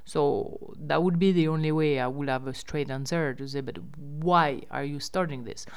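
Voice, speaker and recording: Female host, deep clean tone, informal update delivery. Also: moderate pace, clean tone. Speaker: host running a riverside lodge and campsite. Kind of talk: casual spoken news update.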